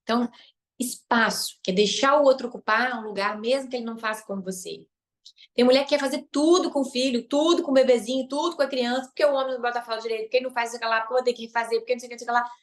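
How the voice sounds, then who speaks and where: A woman's voice: on the high side, fairly even intonation, rapid-fire. A woman with a Brazilian Portuguese accent, a relationship coach and therapist, teaching a live online masterclass. She is emphatic, repeats key phrases and tacks on tag questions.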